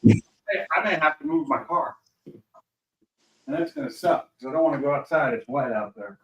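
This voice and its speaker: A man hosting a casual video-call chat from his home garage, plain-spoken and quick to grumble about his connection. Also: fairly high pitch, sing-song, creaky, rough recording. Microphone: laptop on a video call.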